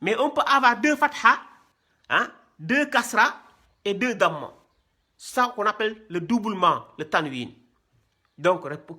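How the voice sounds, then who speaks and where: A man's voice: sits high, bright, forceful tone. A man teaching how to read Arabic script, repeating each point and checking with "hein" and "voyez bien". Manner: repetitive, drills terms, asks "voyez bien" and "hein". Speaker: Quran reading teacher. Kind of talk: classroom lesson.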